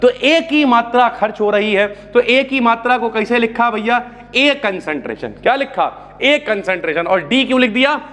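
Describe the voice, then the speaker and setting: High-voiced chatty chemistry teacher. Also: male voice, animated, moderate pace, a bit bright. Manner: chatty, calls students brother, asks and answers own questions. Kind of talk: classroom lecture. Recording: long hall reverb.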